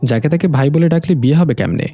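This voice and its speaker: A man's voice: on the high side, fast, warm tone, faint music behind, pitched above the performer's own voice, close to an everyday voice. A man voicing a witty young café owner with a cheeky, joking manner.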